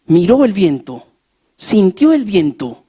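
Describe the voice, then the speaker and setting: Preacher mid-sermon, animated storyteller, rhetorical questions to the congregation. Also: medium pitch, takes it slowly, slightly rough. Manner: acts out scenes with rising emphasis. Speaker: pastor. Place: church.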